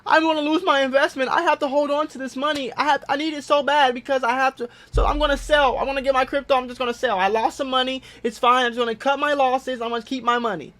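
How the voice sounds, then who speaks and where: A man's voice: very high-pitched, fairly even intonation, fast talker, hardly any pauses, a bit bright, voice pushed up. A man putting on the voice of a panicking beginner investor who is scared of losing his money, sounding frantic and whiny. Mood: panicked.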